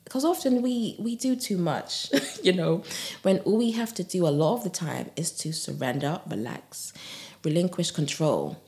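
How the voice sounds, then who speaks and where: A woman guest on a podcast, a yoga teacher and author, talking in a gentle, soothing way with frequent laughs and soft breathy asides. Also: on the low side, animated, normal speed. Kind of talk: relaxed podcast conversation.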